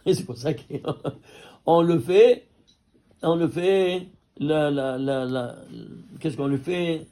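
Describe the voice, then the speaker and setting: A man teaching a Torah class as a rabbi, an animated teacher who keeps quizzing his listeners. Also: a little high. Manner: lively teacher quizzing listeners with quick questions. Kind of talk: Torah class on number mysticism.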